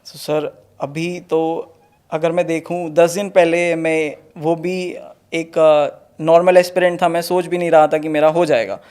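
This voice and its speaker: A man's voice: a little high, steady tone, unhurried, darkish tone, clean tone. A young man in his twenties, a guest in an interview, telling his story earnestly and often addressing the host as "sir". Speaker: interview guest, exam topper. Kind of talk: conversational interview.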